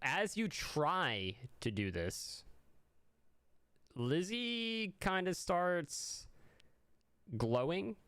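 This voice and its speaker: Male game master for an online tabletop session, smooth clear voice, descriptive and explanatory, very dry recording. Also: high-pitched, very animated, drawn-out words, pauses often, fairly bright tone, dry recording.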